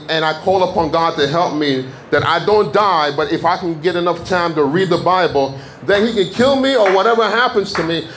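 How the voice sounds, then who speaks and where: A man from Jamaica preaching in a church, giving a fervent testimony that builds to shouted declarations. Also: high voice, a little hiss or hum. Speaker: guest preacher. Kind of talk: sermon testimony. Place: church sanctuary.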